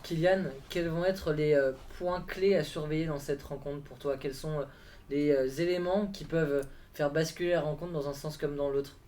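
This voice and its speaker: Male host, somewhat higher pitch, mellow tone, relays chat questions. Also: fairly even intonation, normal speed. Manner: brief acknowledgements, reads chat questions. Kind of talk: casual live-stream hosting.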